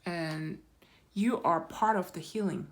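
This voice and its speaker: In this pick-a-card tarot reading, a woman whose voice sits on the low side speaks slowly and reassuringly, filling gaps with "um" and often checking in with "right?" There is a little hiss or hum in the audio.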